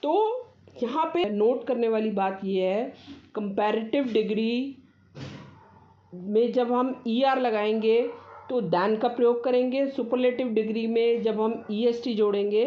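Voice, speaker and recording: A woman with a fairly high voice gives a grammar lesson, walking through the rules step by step. She reads example sentences slowly and deliberately. The audio sounds dull.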